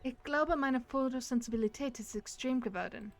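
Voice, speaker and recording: Woman, let's play host, giggly, chatty, slightly high voice. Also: a little fast. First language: German. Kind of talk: gaming let's play, reading dialogue aloud.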